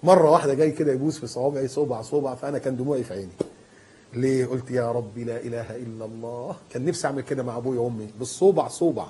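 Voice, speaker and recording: A man preaching in a colloquial style with an Egyptian accent. He is animated and emphatic, and he acts out the people he quotes. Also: medium pitch, racing, a little hiss or hum. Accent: Egyptian Arabic. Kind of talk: colloquial sermon.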